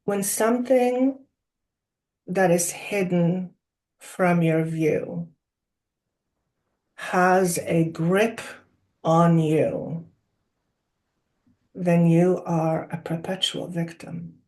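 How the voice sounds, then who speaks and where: A person voicing a channeled collective of wise spirit guides, like a seance medium in trance, deliberate and oracular with drawn-out emphasis and rhetorical questions. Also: mid-range voice, fairly even intonation, a little mellow. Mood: solemn, instructive. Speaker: channeler speaking as a council of spirits.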